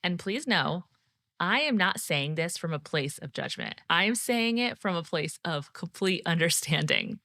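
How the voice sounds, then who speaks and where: A woman in her thirties hosts a leadership podcast, speaking to listeners as friends. Her voice sits a little low yet sounds bright and forward. The recording is close and dry. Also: animated, unhurried, creaky, no room sound. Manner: warm direct coaching, speaks to the listener as friend. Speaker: podcast host and leadership coach. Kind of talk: scripted solo podcast teaching.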